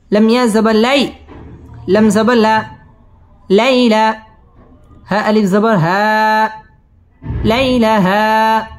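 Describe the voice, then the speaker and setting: A man teaching Quran recitation, spelling out letters and vowel marks one by one and then chanting each verse slowly. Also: high voice, fairly bright tone.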